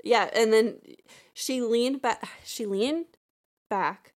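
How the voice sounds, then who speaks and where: Woman, fairly high voice, giggly, embarrassed, casual chat. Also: slow. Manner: giggly and embarrassed, often breaking into laughter. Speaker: podcast co-host.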